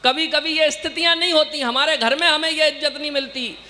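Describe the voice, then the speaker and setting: A man's voice: extremely high pitch, fairly even intonation, fairly quick, pushed and bright, in a large hall. A man from India performing comic poetry on stage, joking with the audience and chanting verses. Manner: joking, addresses audience directly, sings verses. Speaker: stand-up comic poet.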